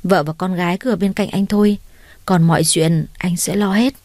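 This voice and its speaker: A woman's voice: on the low side, steady tone, moderate pace, darkish tone, dry recording, natural voice. A woman voicing an affectionate young man who reassures his fiancée, in an audio story, dry and close. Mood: tender.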